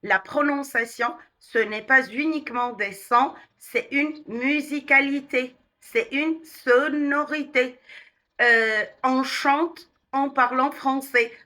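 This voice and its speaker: A woman with a Tunisian accent teaches pronunciation in an unhurried, carefully articulated way. Her voice is bright and sits a little high. She stretches out the vowels when she drills sounds. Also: steady tone. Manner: slow, deliberate articulation, exaggerated vowels in drills. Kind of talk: online pronunciation lesson.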